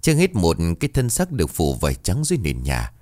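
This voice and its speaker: Deep-voiced male storyteller. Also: quick pace, dry recording, studio quality. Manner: dramatic, expressive storytelling. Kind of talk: scripted story narration.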